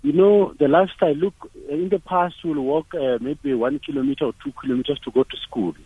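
On a thin phone line, a South African man who speaks Sepedi natively argues his point as a radio caller. His voice is high for a man and husky, and he insists by repeating phrases. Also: a little fast, dry recording. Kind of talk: opinionated phone-in argument. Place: phone call to a radio show. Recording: rough, narrow phone line.

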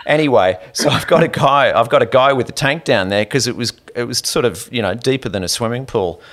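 A man hosting a podcast interview, telling a story in an animated, rambling way with restarts and trailing asides. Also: medium pitch, brisk. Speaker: podcast host. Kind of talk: conversational interview.

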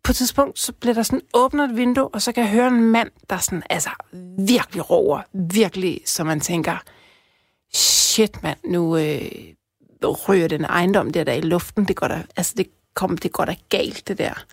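A young woman from Denmark tells a personal story in a loose, chatty way, full of fillers. Her voice has a gravelly fry, and she slips from hushed tones into bursts of excitement. The sound is dry and close. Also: mid-range voice, dry recording.

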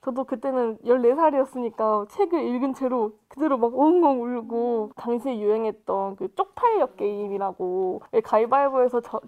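High-voiced woman recounting a memory. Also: narrow, tinny audio. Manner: earnest, emotional recounting. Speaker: interviewee. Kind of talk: recorded interview storytelling.

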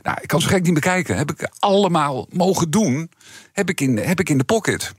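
A middle-aged Dutch man, a former radio presenter, talking reflectively as a guest with a husky, strained voice and many fillers. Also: fairly high pitch, lively intonation, fairly quick, dry recording, studio quality. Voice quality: husky, strained voice from vocal cord problems. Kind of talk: casual interview talk.

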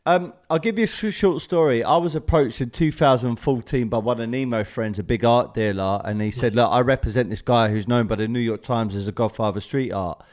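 A man's voice: mid-range voice, a little fast, hardly any pauses, darkish tone. A British man in his thirties hosting an interview, earnest and often restarting his sentences. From Britain. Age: 30s. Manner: earnest, stammers and restarts while framing questions. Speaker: podcast host. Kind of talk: interviewing a guest over video call.

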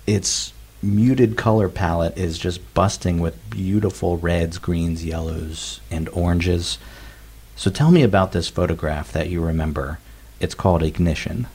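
A man hosting a newsroom interview, with a husky voice. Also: low voice, fairly even intonation, a little slow, darkish tone.

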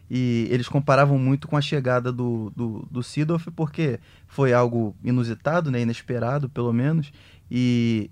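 A man reports on a football club, choosing his words slowly and restarting often. His voice is mid-pitched. The sound is dry and close. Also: darkish tone, no room sound. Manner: measured, hesitant, many restarts. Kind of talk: casual sports discussion.

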